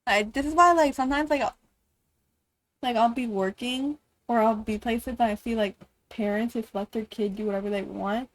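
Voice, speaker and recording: A young-sounding woman reacting to videos on her live stream. Her voice sits on the high side. She rambles in loose, casual sentences full of filler words and swearing. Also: moderate pace, rough recording. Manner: rambling, heavy "like" and "bro" fillers, frequent swearing.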